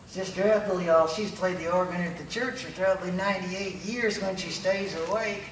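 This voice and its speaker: Echoey far-off mic, guy doing a high folksy hillbilly puppet, kentucky accent, rambling comic stories. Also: steady tone, moderate pace, natural voice. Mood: gossipy, folksy. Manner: drawling country idioms, rambling. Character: folksy chatty hillbilly ventriloquist puppet telling tall tales. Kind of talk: comic storytelling in a ventriloquist stage act. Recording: echoey room, distant mic, faint noise.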